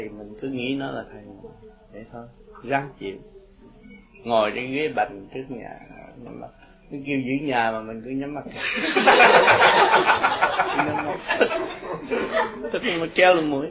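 A man's voice: mid-range voice, moderate pace, gravelly, noisy background. An older Buddhist teacher giving a rambling, folksy talk to his followers, chuckling as he tells stories. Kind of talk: informal dharma talk with followers. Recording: dull lo-fi recording with crowd behind. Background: group of listeners.

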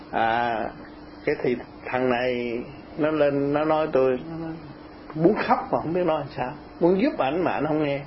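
An older man with a Southern Vietnamese accent, telling stories in an animated, lively way in casual chat, often laughing. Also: a little high. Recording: muffled lo-fi tape with faint hiss.

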